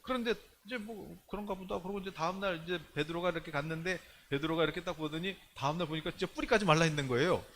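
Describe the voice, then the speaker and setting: A male pastor delivers a conversational sermon in church, chatty and loose, animatedly acting out the people he quotes in colloquial language. His voice is fairly high and fast, with few pauses. A little hiss or hum is audible.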